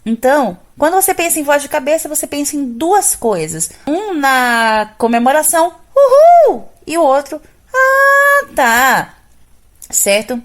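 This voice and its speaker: A woman's voice: sits high, expressive, moderate pace, hardly any pauses. Brazilian woman teaching singing. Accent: Brazilian Portuguese. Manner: explains step by step, ending phrases with "né?" and singing brief vocal demonstrations. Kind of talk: explanatory vocal lesson.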